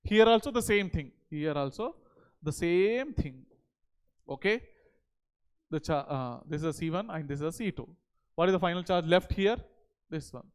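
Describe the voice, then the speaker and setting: A physics teacher in his thirties with an Indian accent lectures exam students at a digital board in an indoor teaching studio, wearing a headset mic. His voice sits on the high side, smooth and expressive, at a moderate pace with frequent pauses, and he keeps checking in with short questions and tag words.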